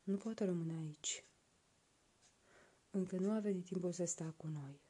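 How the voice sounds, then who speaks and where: A woman voicing a gentle seal woman and loving mother who speaks in an earnest, heartfelt way. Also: lowish voice, husky. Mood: sorrowful. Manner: earnest, heartfelt, tender speech.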